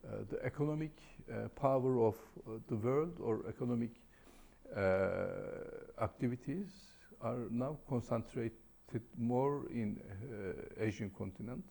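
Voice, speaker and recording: A man answering as an interview guest, speaking haltingly with many hesitant pauses. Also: mid-range voice, gravelly, warm tone.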